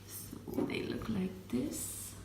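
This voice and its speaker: A vlogger, a woman in her twenties, chats casually and narrates herself while wrapping and showing gifts in her home kitchen and living room. Her voice is slightly raspy, as if just woken, with hiccups and drawn-out words. Captured on a handheld camera, the audio is reverberant with a noisy background.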